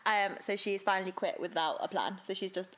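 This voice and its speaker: A woman co-hosting a podcast in casual chat, talking fast and loose with lots of "like". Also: medium pitch, steady tone, fairly bright tone, rough recording. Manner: chatty, fills speech with "like". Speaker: podcast co-host.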